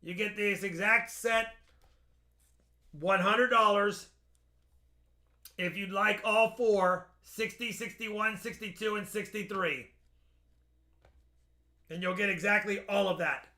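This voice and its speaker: High-voiced, bright man hosting a live sale. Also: steady tone, takes it slowly, pauses often. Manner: repeats details for buyers. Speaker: host selling coins by live auction. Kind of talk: casual live-stream sales pitch.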